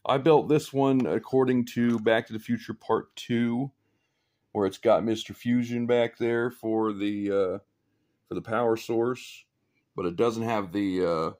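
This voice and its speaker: In his indoor hobby room, a low-voiced man films and shows off his own builds in a casual show-and-tell chat. He's relaxed and rambling, with fillers and little chuckles.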